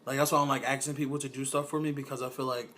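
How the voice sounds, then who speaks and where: A man's voice: mid-range voice, level tone, racing, crowd noise. A young man hosting a podcast, talking in loose, profane, casual chat and laughing often. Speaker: podcast host.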